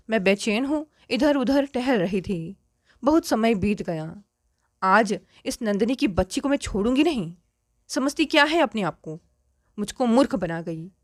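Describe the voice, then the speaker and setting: A woman's voice: on the high side, no room sound. Woman narrating a family story, dry close sound. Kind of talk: first-person story narration.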